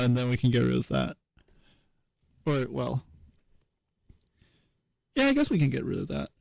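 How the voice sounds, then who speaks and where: Man thinking aloud on stream, slow and halting, dark gravelly voice, dry close sound. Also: medium pitch, dry recording. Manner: hesitant self-talk with many pauses and fillers. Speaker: streamer working through a linguistics reconstruction.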